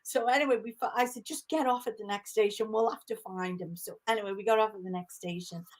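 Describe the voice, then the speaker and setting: A woman from Liverpool with a Liverpool accent softened by years in Canada, telling an animated story as a guest on a casual video call. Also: mid-range voice, fast talker. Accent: Liverpool (Scouse), softened by Canada. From Liverpool, England. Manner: animated storyteller, acts out voices.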